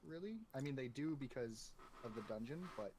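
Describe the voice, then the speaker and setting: A man's voice: medium pitch, expressive, moderate pace. A man in a mid-range voice explains board game rules in a plain, matter-of-fact way during a casual stream. A faint hiss of noise sits under his voice. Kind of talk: casual chat while learning a board game.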